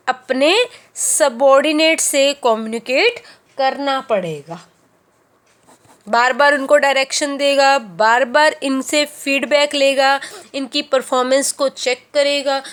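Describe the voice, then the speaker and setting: A woman teaching a class, who explains by asking and answering her own questions and slows down on key terms. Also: high voice, fairly bright tone. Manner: mixes in English terms, slows down on key phrases. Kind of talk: classroom lecture.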